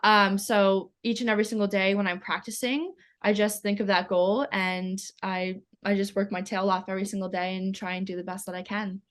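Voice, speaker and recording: A woman's voice: medium pitch, little pitch movement, fairly quick, few pauses. A teenage girl from Canada, an athlete answering interview questions in a chatty way, with lots of ums and likes. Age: teens. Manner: chatty, many ums and likes, laughs often. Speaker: swimmer interviewee.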